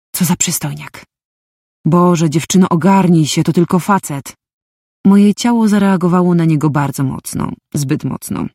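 A woman's voice: low voice, vocal fry, warm tone, dry recording, studio quality. A woman reading a first-person story aloud, with a wry, inner-monologue manner. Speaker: audiobook narrator.

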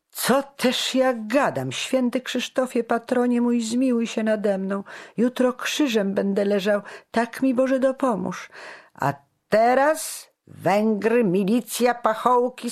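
A superstitious male guard commander bellows orders at his men, as an audiobook reader puts him on. The voice sits well above the reader's own and has a husky edge. It sounds slow and heavy. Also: a little high, sing-song, voice pushed up, heavily acted. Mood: bellowing. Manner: loud, barking orders. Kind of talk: audiobook character voice.

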